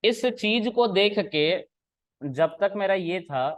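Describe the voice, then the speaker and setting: A man's voice: high voice, lively intonation, slow, a bit bright. A man giving a casual programming lesson, telling a personal story in a conversational way, often checking in with his listeners and mixing English phrases into his talk. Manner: conversational, frequent "ठीक है" and "है ना" checks; mixes English phrases into Hindi. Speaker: programming teacher. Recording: tinny phone-like audio.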